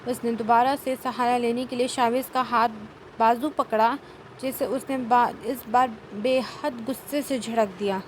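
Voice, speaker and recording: A woman narrating a novel as an audiobook reader, in steady storytelling. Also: a little high, a little hiss or hum, poor audio. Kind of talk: novel reading.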